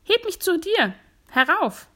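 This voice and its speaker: A woman voicing a fat, ugly male frog from a fairy tale who pleads and bargains in a high, squeaky voice. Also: big pitch swings, normal speed, creaky, sharp tone, heavily acted. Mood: insistent.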